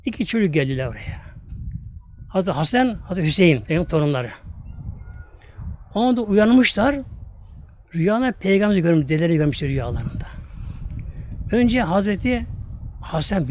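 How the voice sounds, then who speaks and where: An older man delivers a sermon as a story, his voice sitting high. He speaks slowly, with drawn-out pauses and rising emotion. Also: a little mellow. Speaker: preacher. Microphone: audio recording of a talk.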